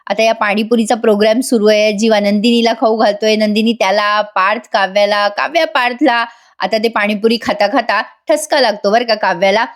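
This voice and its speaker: A woman's voice: mid-range voice, steady tone, fairly quick. A woman narrating a chatty voice-over review of a TV serial, talking straight to her viewers. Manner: chatty, addresses viewers directly.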